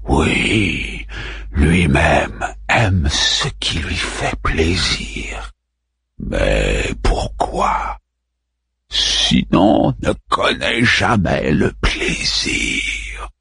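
Guy doing a creepy slow monster, low gravelly-ish husky voice, dry sound. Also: big pitch swings, bright, forceful tone, no echo, exaggerated voice. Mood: menacing. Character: monstrous male creature, menacing and brooding.

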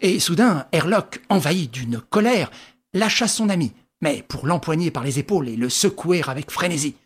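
A woman reading a classic adventure novel aloud as scripted narration, telling it dramatically with lively rises. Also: low-pitched, moderate pace, slightly rough. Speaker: audiobook reader.

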